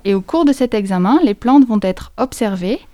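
A woman from France, a guest in an interview, explaining things in a clear, composed, informative way. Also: mid-range voice, expressive, moderate pace, dry recording, lo-fi sound. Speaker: guest, agronomist at agency. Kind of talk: interview answers.

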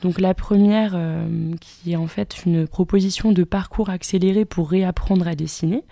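A woman recommending books on a radio show. She speaks quickly and keeps hesitating and correcting herself. Her voice is soft and mellow, and the recording is close and dry. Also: fairly low pitch, steady tone, creaky, dry recording. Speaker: radio book columnist.

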